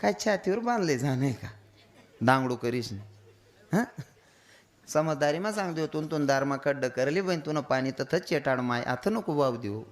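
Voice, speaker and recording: A man's voice: mid-range voice, expressive, normal speed. A man giving a comic devotional sermon on stage, telling stories and mimicking wailing women. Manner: storytelling with mimicked wailing voices. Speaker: kirtan preacher.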